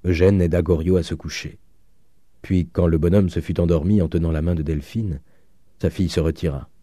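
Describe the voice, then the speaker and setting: Deep, husky male audiobook narrator. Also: steady tone, brisk, warm tone, dry recording, studio quality.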